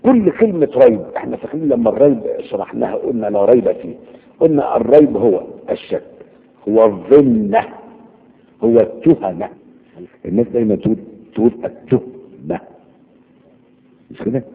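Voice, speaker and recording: A man's voice: medium pitch, big pitch swings, fast talker, creaky. A man with an Egyptian Arabic accent teaches the meanings of Quranic words, quizzing his listeners with repeated questions. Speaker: religious teacher. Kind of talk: Quranic vocabulary lesson. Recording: tinny phone-like audio with long hall reverb.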